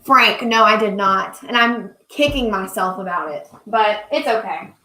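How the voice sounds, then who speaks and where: Speaking a little slowly at a medium pitch with a sharp tone, the young crafting channel host from South Carolina, who has a Southern US accent, chats casually through her live stream. She gushes, thanks her viewers, and reads their comments aloud as she crafts, all with a roomy echo.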